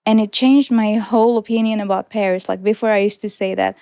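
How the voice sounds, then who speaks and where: Mid-range and fairly even in intonation, this woman's voice is brisk, creaky, darkish, clear and resonant, recorded with no echo in clean studio sound. A native Persian speaker from Iran in her twenties, she is an interview guest telling her personal story. Her manner is reflective and earnest, with small restarts and light laughs.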